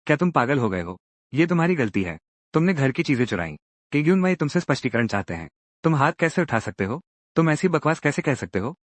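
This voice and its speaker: A man's voice: fairly high pitch, very animated, brisk, no room sound. A man narrating a drama recap and voicing every character's lines himself, acting each one out in turn.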